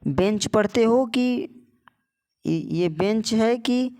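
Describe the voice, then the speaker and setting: Slow, clear-voiced male tutor. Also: high-pitched, animated, darkish tone. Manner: asks rhetorical either-or questions, repeats words. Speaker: English tutor. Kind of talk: explanatory lesson.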